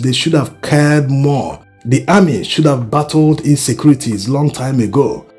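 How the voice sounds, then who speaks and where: A man's voice: medium pitch, a little mellow. A man with a Nigerian accent delivering opinionated political commentary, emphatic and exhorting, often posing rhetorical questions. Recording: music behind the voice. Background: background music.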